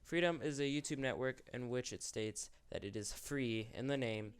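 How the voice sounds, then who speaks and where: A young YouTube channel host with a medium-pitched, clear, resonant voice talks at a moderate pace through unscripted commentary. He's sick and losing his voice, and he rambles, corrects himself, and speaks candidly.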